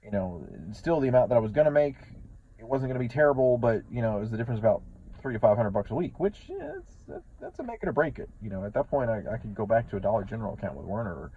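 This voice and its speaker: A man's voice: mid-range voice, very animated, rapid-fire, husky, narrow, tinny audio. A man, a truck driver, talking casually in a rambling vlog, repeating words and swearing often.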